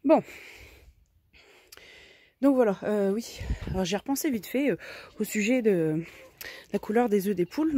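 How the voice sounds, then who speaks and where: A woman talks casually outdoors about her chicken coop and garden, explaining each step in a chatty way full of little tag questions. Her voice is mellow and a bit breathy. The sound is close and dry. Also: mid-range voice, no echo. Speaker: vlogger keeping chickens and a garden.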